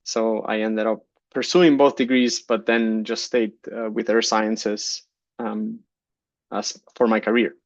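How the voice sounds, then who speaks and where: A man in his thirties from Guatemala, giving a conference keynote talk, relaxed, with many fillers and restarts. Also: lowish voice, slow pace, dry recording, muffled recording. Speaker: keynote speaker, geologist. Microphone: computer mic on a video call.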